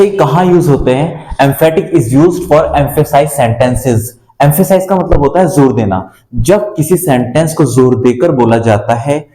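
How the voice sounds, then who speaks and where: A man's voice: mid-range voice, mellow, roomy sound, low-quality recording. A male teacher, a Hindi speaker, giving a classroom English grammar lesson and patiently repeating example sentences.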